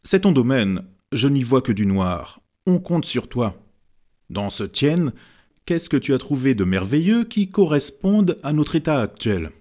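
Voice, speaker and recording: A man voicing an emotional middle-aged man who raises slow, solemn toasts at a family banquet. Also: medium pitch, sing-song, a little mellow, pitched above the performer's own voice. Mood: urging.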